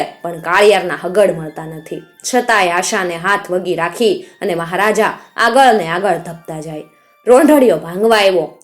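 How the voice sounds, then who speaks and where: Lady telling an old folk story, vivid descriptive reading, mid voice, soft music behind. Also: medium pitch. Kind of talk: scripted folk-tale narration. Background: faint background music.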